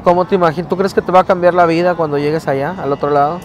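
A man's voice: on the high side, steady tone, rapid-fire. A man with a Mexican accent, a street reporter asking friendly, coaxing questions. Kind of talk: street interview. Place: outdoors on a city street. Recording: outdoor street with crowd noise.

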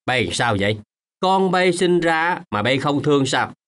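An actor playing a kindly, remorseful old man in a radio drama, gentle at times and firmly scolding at others. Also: on the high side, lively intonation, measured pace. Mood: stern. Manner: gentle, then firm and scolding.

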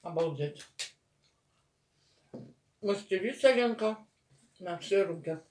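A woman's voice: fairly low pitch, animated, slow, darkish tone, recorded from a distance. Older woman chewing with her mouth full. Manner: chatty, savoring food with contented hums. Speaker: mukbang vlogger. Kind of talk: casual eating vlog.

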